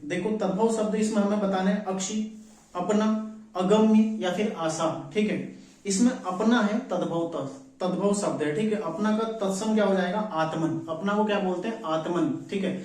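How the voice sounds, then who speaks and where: Here a high-voiced man with a darkish tone plays teacher on exam practice questions, asking and answering his own questions and repeating "ठीक है" often. The room echoes and his voice comes from far away.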